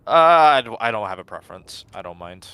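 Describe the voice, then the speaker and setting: A man in casual gaming chat with friends, talking in slang with animated, exaggerated reactions. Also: fairly low pitch, fairly quick, clear, resonant tone. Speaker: gamer in a friendly match. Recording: faint background noise on voice chat.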